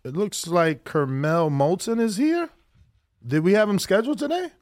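Animated, high-pitched frat-bro man. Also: normal speed. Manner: frat-bro slangy, swearing, exclaiming. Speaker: podcast co-host. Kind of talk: casual sports podcast banter.

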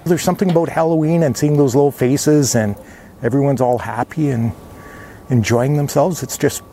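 A man being interviewed outdoors on his driveway, talking in an upbeat, halting way with fillers. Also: medium pitch, background noise. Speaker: homeowner interviewee. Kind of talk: casual interview.

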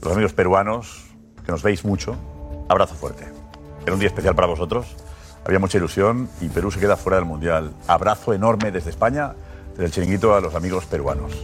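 Man, Spanish accent, sports talk show host, lively chatty delivery, music playing clearly underneath. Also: deep voice, fast. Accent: Spanish from Spain. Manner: chatty, animated, informal asides.

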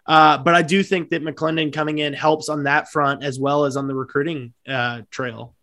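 A man co-hosts a football podcast in casual talk, his voice sitting a little high for a man. He stops and restarts often, leaning on fillers. The recording is close and dry, with no room sound. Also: little pitch movement, moderate pace, a bit bright, dry recording. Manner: hesitant, many fillers and restarts. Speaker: sports podcast co-host.

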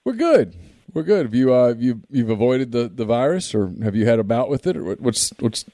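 A man's voice: medium pitch, sing-song, a little fast, warm tone, no echo, clean studio sound. A man chatting casually as the host of a call-in show. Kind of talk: casual chat.

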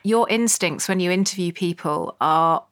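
A woman psychologist on a podcast explaining a case in a thoughtful, measured, earnest way. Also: on the low side, fairly bright tone. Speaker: psychologist co-host. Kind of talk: conversational explanation.

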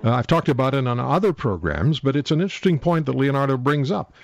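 A man hosting a call-in radio show, moderating briskly between callers and guests. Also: mid-range voice, lively intonation, creaky, dry recording, highs cut off. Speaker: radio talk show host.

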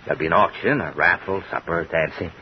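An actor playing a cheerful, attentive husband in an old radio drama. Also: male voice, low voice, quick pace, lightly acted. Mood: coaxing. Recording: muffled old radio recording, faint hiss.

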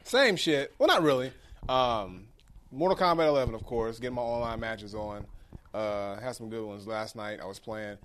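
In a podcast studio, a male co-host talks about video games in a loose, informal way, using slang and swearing easily. His mid-range voice is fairly bright, with lively intonation at a normal speed, and there's slight background noise.

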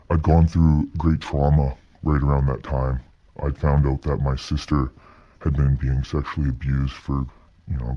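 Man with an artificially deepened, disguised voice. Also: husky. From Canada. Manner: halting, frequent "you know" and "right?". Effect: pitch-lowered anonymity disguise. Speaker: interview guest, former gang member. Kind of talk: candid interview. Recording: muffled, dull lo-fi processed sound.

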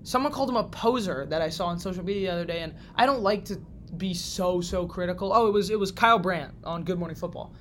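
A man's voice: high voice, fairly bright tone, slight background noise. A man co-hosting a sports podcast, giving his picks in a casual, opinionated chat. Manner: opinionated, quick to pick sides. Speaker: podcast co-host.

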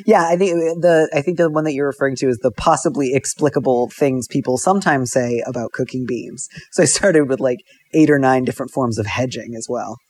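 A man's voice: mid-range voice, fairly quick, few pauses, a little mellow, no room sound. A man, an advice columnist and food writer, chatting casually as a podcast guest. He rambles with lots of fillers and laughs often.

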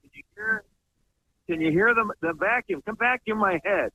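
A man hosting a casual tech chat, heard over a thin, low-sample-rate phone line as he checks whether he can be heard. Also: moderate pace, sharp tone, a little hiss or hum. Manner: testing, asking if he can be heard. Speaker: host.

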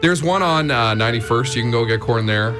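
Animated Canadian male radio promo host. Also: medium pitch, brisk. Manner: upbeat, playful teasing. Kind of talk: lively radio contest promo and morning-show banter. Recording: music playing behind the voice. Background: music.

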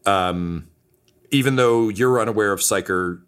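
Low-voiced man running a tabletop game. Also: a little slow, clean tone. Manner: relaxed, filler-heavy narration. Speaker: game master.

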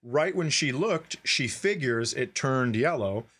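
A middle-aged American man co-hosting a podcast tells comic stories casually, wry and profane, acting out the dialogue. His mid-range, fairly bright voice is animated, though he takes it slowly.

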